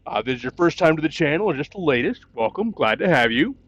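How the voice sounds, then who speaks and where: A man's voice: a little high, big pitch swings, fast, fairly bright tone, husky, no echo. A man hosting a casual let's play, chatty and jokey with folksy turns of phrase. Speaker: YouTube gaming host. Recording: dull audio with music behind. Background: game music.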